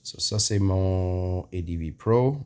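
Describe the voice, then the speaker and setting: A native English-speaking man with an English Canadian accent casually walks viewers through an app on screen. His voice sits low, slow and darkish, and he is hesitant, full of fillers, clears his throat often, and mixes in English words.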